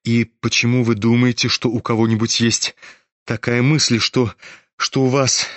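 A man reading a novel aloud, voicing a gentle, timid prince who speaks quietly and hesitantly. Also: medium pitch, little pitch movement, unhurried, dry recording, natural voice. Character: gentle, timid prince, kind and soft-spoken. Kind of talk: audiobook character reading.

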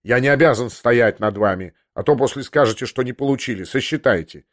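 A man's voice: medium pitch, brisk, dry recording, lightly acted. A man voicing a stern, irritable army colonel, a touchy gambler who speaks curtly and severely in an audiobook reading. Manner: curt, dry and severe.

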